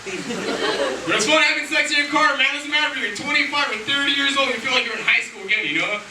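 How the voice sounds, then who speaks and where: A man's voice: very high-pitched, fast talker. A man in his twenties from Los Angeles doing a loose, profane stand-up set, laughing at his own jokes. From Los Angeles, USA. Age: 20s. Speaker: stand-up comedian. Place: small vape shop, indoors. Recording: echoey room, distant mic, loud background noise.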